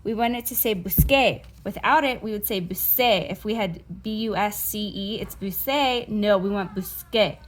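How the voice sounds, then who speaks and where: A woman's voice: mid-range voice, fairly even intonation, a little fast, few pauses. A woman teaching a recorded Spanish lesson, mixing Spanish phrases into her English explanations and often checking in with a reassuring "okay?".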